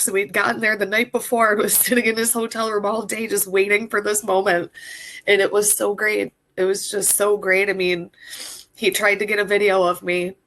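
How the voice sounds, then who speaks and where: A woman in her thirties recounting a personal story in an interview, casual and full of fillers. She talks in a chatty, animated way at an ordinary mid pitch. Now and then she jumps high when she acts out her own excited reactions. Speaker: coaching client.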